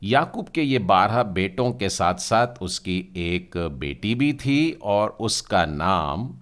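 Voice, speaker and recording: A man's voice: fairly low pitch, lively intonation, takes it slowly, a bit bright. A man teaching a language class, patiently spelling out letters and sounds one by one and asking his learners to read along. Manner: addresses learners directly, asks them to read. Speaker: Hebrew teacher. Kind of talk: language lesson.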